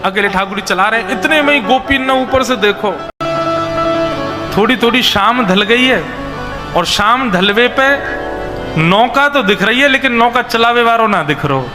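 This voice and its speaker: High-voiced man telling a devotional story. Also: a little slow. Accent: Braj. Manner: animated, explaining to listeners. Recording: reverberant hall with music behind.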